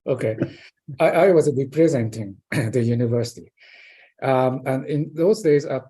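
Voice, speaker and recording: A man's voice: mid-range voice, a little slow, dark tone, slightly rough. An older man from Japan with a Japanese accent, answering interview questions in a hesitant way with many fillers. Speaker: interviewed professor. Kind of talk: conversational interview.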